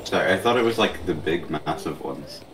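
Over faint video game music and sounds, a man banters dryly and sarcastically while co-playing on a shared controller. His low voice is lively in intonation, fairly bright, and moderately paced. The mic is distant and picks up a little hiss or hum.

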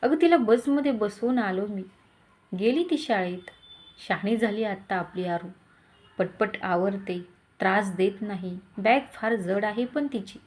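A woman's voice: mid-range voice, darkish tone, close to an everyday voice. A woman voicing a grumbling but doting old grandfather in a story.

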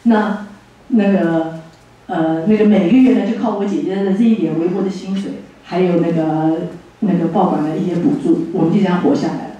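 An older woman from Taiwan with a Taiwanese Mandarin accent, sharing a heartfelt personal testimony as guest speaker at a church fellowship, telling it in an animated way with chuckles. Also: on the low side, fairly quick, muffled recording. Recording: echoey hall from far off.

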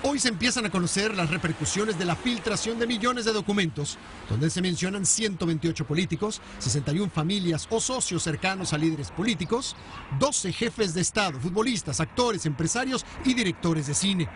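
A middle-aged man reporting the news from a newsroom studio in a brisk, formal newscaster delivery. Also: sits high, animated, noisy background. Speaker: news correspondent.

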